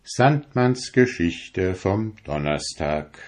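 A man narrating a fairy tale as a storybook reading, as a lively storyteller. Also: sits low, drawn-out words. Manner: lively storyteller, voices the animals.

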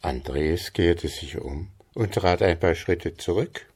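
Gravelly guy reading a fairy tale audiobook, slow and measured. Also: deep voice, a little mellow. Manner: measured storytelling. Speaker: narrator. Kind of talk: scripted audiobook narration.

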